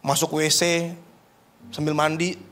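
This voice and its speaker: Animated high-voiced male preacher. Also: unhurried. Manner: animated preaching, shifting between raised emphatic lines and soft intimate asides. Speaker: pastor. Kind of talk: sermon.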